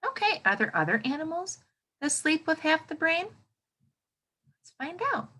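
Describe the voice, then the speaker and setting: Reading a story to children as a teacher, an American-accented woman speaks in a high, sing-song, sharp-toned voice at an unhurried pace. She adds commentary to the lesson, exclaiming and posing questions to the young audience.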